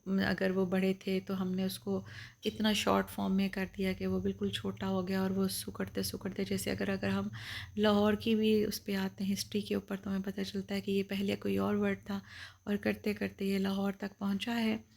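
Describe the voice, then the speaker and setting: A woman teaching English vocabulary in a lecture, patiently explaining each point twice and reading the English definitions slowly. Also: medium pitch, completely flat delivery, creaky, darkish tone.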